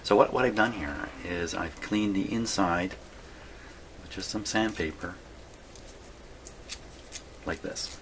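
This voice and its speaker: A deep-voiced man speaks slowly, with long pauses and a fairly bright tone, rambling in a folksy way as he thinks aloud. He's a hobbyist who fixes vintage radios, casually narrating a hands-on repair vlog from his indoor workshop. The recording is clear, with some background noise.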